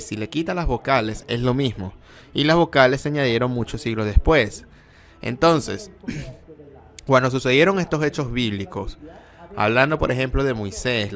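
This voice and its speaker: A man's voice: mid-range voice, a bit bright. A man giving a lecture, explaining terms step by step and often correcting himself mid-sentence.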